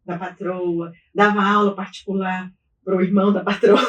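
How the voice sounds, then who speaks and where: A woman's voice: medium pitch, flat delivery, measured pace, roomy sound, recorded from a distance, poor audio. A middle-aged woman from Minas Gerais, Brazil, chatting as a podcast guest about her life and often restarting her sentences. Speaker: guest, business owner. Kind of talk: interview storytelling.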